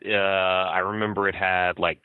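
A man's voice: deep voice, little pitch movement, moderate pace, clean tone, no echo. A man co-hosting a podcast, explaining at length in casual chat with restarts and fillers. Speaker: podcast co-host. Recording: tinny phone-like dry sound.

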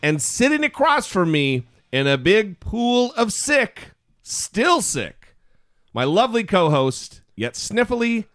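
A man's voice: high-pitched, big pitch swings, takes it slowly, fairly bright tone, no echo, studio quality, soft background music. A man hosting a podcast with casual comedic talk and brash, teasing delivery. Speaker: podcast host.

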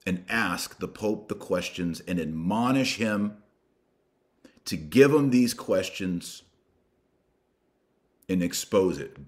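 This religious podcast host has a deep, low-pitched voice and exhorts his listeners emphatically. He sounds preachy, using dramatic pauses and repetition for weight and slipping in colloquial phrases.

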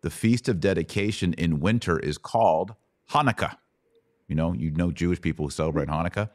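This host, a middle-aged American man, answers Bible questions in a conversational way, breaking explanations into steps and checking comprehension with short questions. He has a low voice and talks fairly quickly. The audio has no echo.

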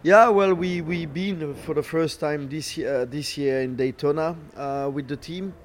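A middle-aged man, not a native English speaker, answering interview questions haltingly, searching for words and repeating phrases. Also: a little high. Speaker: racing team boss, former driver. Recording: clear background noise, ambient sound.

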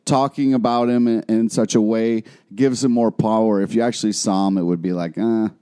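A man co-hosting a casual podcast chat about a TV show, excitable and given to swearing. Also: fairly low pitch, brisk, clear, resonant tone. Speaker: podcast co-host.

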